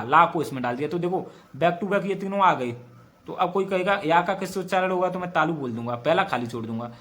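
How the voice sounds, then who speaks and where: A man's voice: sits high, a bit bright. A young man with a western Uttar Pradesh Hindi accent teaching an exam-prep grammar lesson, repeating each point and drilling mnemonics over and over. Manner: repetitive, drilling mnemonics aloud.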